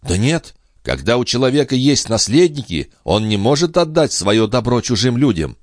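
An eager, naive young peasant lad, as a male audiobook reader puts him on. He talks in a raised, bouncing voice, earnest and excitable, anxious to please. The sound is close and dry. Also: medium pitch, moderate pace, dry recording, pitched above the performer's own voice, close to an everyday voice. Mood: flustered protest.

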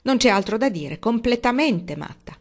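A woman reading aloud, voicing a gruff, angry old uncle who grumbles loudly and indignantly. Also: mid-range voice, very animated, moderate pace.

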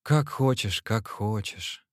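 A man's voice: lowish voice, measured pace, darkish tone, no echo, studio quality, pitched above the performer's own voice. A man voicing a worn-out, broken young male clerk who speaks in a weak, faltering voice.

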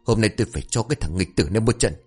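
A harsh, shouting father from a narrated family story, as a male reader puts him on, barking orders at his children. The voice sits low and swings widely as his temper flares, with faint music underneath. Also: expressive, very fast, husky. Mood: furious. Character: stern angry middle-aged father.

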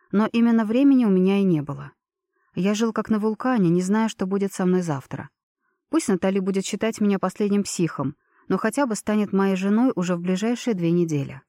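A woman reading a first-person novel aloud in an even, measured narration. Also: mid-range voice, dry recording, clean studio sound. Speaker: audiobook narrator. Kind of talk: scripted narration.

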